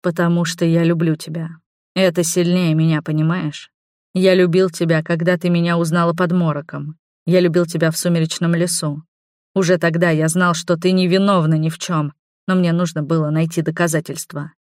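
A woman's voice: lowish voice, level tone, fairly quick, darkish tone, no echo, studio quality, natural voice. A woman voicing a passionate young man who insists on his love in a storybook reading. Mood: insistent pleading.

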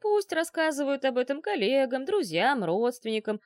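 A woman's voice: sits high, very animated, normal speed, dry recording, studio quality, voice pushed up. A woman voicing a fussy, chattering middle-aged male doctor who talks in a wheedling way. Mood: wounded.

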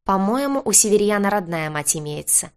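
A woman's voice: mid-range voice, expressive, fairly quick, lightly acted. A woman voicing a scheming werewolf man who talks in a mocking, self-satisfied way in an audiobook reading.

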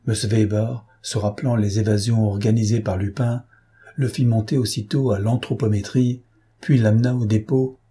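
A man reading a novel aloud as audiobook narrator, with measured, steady storytelling. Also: on the low side, breathy edge. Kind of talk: scripted narration.

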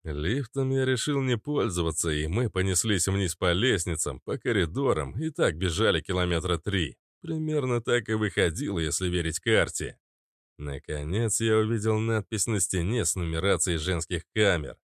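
Male audiobook narrator, lowish voice, steady urgent delivery, very dry booth. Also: moderate pace, no echo. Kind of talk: first-person audiobook narration.

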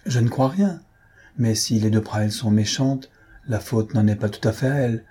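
A man's voice: medium pitch, normal speed, mellow, husky, close to an everyday voice. A man voicing a kind young countess in an audiobook, speaking earnestly and sympathetically.

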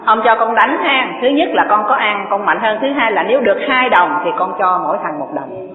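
A woman's voice: medium pitch, animated, a little fast, faint music behind, natural voice. An eager, kind-hearted shoeshine boy, as a woman preacher acts him out in her story. He pleads earnestly and plainly. The sound is thin and phone-like, with a hall echo around it. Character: generous poor young shoeshine boy. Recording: tinny, echoey hall recording.

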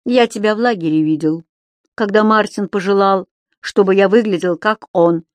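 A woman voicing a cheeky, indignant little male magic creature who shouts and teases in a high, squeaky voice. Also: normal speed, dry recording, lightly acted. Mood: indignant shouting. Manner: shouting, squeaky, singsong teasing.

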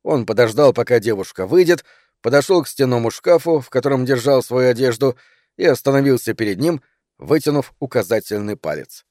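A man narrating an audiobook in a measured, expressive voice. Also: mid-range voice, dry recording, studio quality. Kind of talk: audiobook reading.

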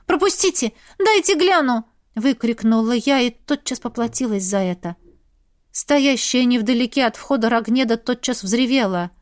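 A woman reading a first-person story aloud as an audiobook, turning hushed and breathy in tense moments. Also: fairly high pitch, normal speed, dry recording, studio quality. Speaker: audiobook narrator.

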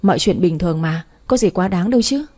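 A devoted young man who stands firm against his family, as a woman narrator reads his lines. His delivery is firm and defensive. The voice is mellow and softly husky. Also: on the low side, animated, brisk. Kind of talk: storybook reading.

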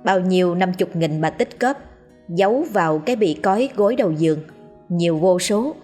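A woman narrating a story in a measured, expressive reading. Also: fairly low pitch, soft background music. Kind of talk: scripted narration of a ghost story.

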